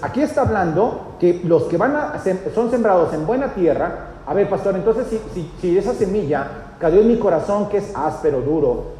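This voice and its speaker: A man's voice: high voice, warm tone. A male pastor, teaching a sermon and often checking with the congregation. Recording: echoey church hall, faint noise.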